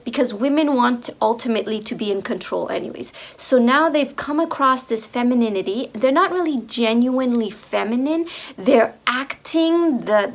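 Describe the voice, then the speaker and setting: A woman speaking slowly and softly in a reflective monologue, often repeating herself and sometimes slipping into a whisper. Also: on the high side. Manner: slow, soft, drifting into whispers. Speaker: speaker on femininity.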